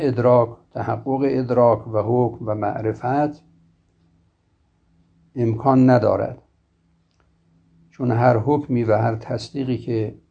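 A man giving a formal philosophy lecture in a slow, measured, scholarly way, often clearing his throat. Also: medium pitch, warm tone. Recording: dull lo-fi recording.

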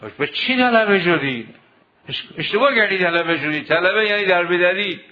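Impassioned cleric, dull lo-fi recording. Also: male voice, high voice, expressive. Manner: impassioned, exhorting, rhetorical questions. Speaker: cleric teaching seminary students. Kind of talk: sermon.

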